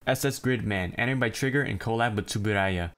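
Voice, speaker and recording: A man's voice: on the low side, a little fast, a bit bright. A man narrating a ranked anime list, reading plot summaries and breaking off into blunt, profane, self-deprecating asides. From China.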